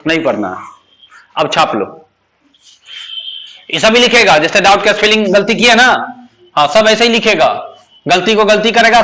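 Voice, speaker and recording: Man, teacher, classroom lecture, quizzing students, repetitive drilling, high-pitched, bright tone. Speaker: English teacher.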